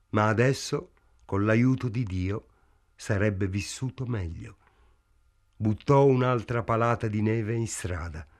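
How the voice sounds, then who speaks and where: A man narrating a novel as an audiobook in a measured, even literary reading style. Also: on the low side.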